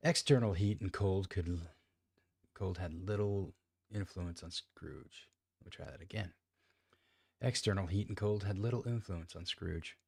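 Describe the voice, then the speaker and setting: A man's voice: sits low, unhurried, gravelly, mellow, slightly rough, no room sound, clean studio sound. A man reading a classic novel aloud, often stumbling, restarting lines and commenting on his own reading. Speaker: amateur reader.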